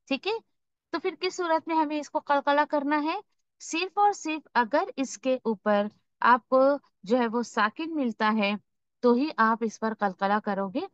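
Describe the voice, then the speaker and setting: A high-pitched woman teaches recitation at an unhurried pace, modelling each word slowly and with care. The sound is dull and lo-fi, and the room is dry with no echo. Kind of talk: online tajweed lesson.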